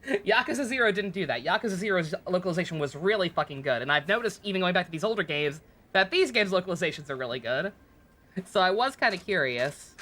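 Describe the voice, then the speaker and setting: A woman's voice: lowish voice, expressive, quick pace, a bit bright. A woman streamer chatting and reading game dialogue aloud in a rambling, self-correcting way.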